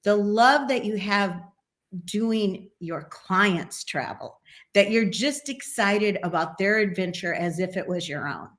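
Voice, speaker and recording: A woman's voice: mid-range voice, takes it slowly, a bit bright. A woman who owns a travel agency, speaking earnestly as a guest in a casual video interview.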